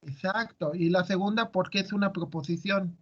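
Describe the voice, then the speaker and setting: Male teacher, high voice, quizzing his students, muffled audio. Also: normal speed, fairly bright tone. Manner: asks students questions, explains step by step. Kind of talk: classroom lecture.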